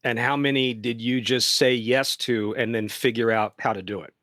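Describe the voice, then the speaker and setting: Male host, mid pitch, dry close recording, calm interviewer. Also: moderate pace, no room sound. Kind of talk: interview questions.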